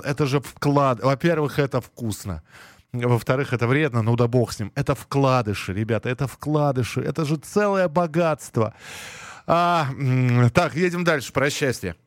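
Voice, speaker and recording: A man's voice: medium pitch, no room sound. A middle-aged man hosting a live phone-in, talking in a casual late-night radio DJ manner, musing and addressing listeners as friends. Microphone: close studio microphone. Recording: dry studio, faint music behind.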